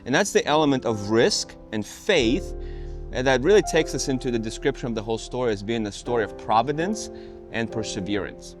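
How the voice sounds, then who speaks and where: A man, a mentoring pastor, speaking in a measured, affirming way. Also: mid-range voice, animated. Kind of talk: testimony interview. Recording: music bed under voice.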